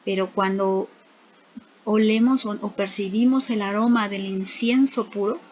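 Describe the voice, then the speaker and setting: A woman's voice: mid-range voice, fairly even intonation, measured pace, darkish tone, slight background noise. A woman teaching a Bible study, speaking patiently and repeating words for emphasis. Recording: muffled lo-fi recording.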